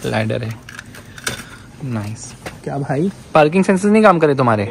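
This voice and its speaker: A vlogger in his thirties, with a creaky, medium-pitched voice at a moderate pace, chats and jokes while filming a casual travel vlog on a handheld action camera. He gives lively narration as he walks outdoors in cold weather, shops through a supermarket, and spends time in a motorhome.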